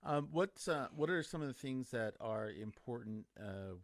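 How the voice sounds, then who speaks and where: Halting male interviewer. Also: medium pitch, expressive, no room sound. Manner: halting, loose, stacks restarts in questions. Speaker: interviewer host. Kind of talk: casual interview.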